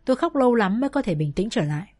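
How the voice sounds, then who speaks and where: Woman, storyteller, first-person narration, soft and emotional, faint background music. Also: fairly high pitch, sing-song, racing, breathy edge.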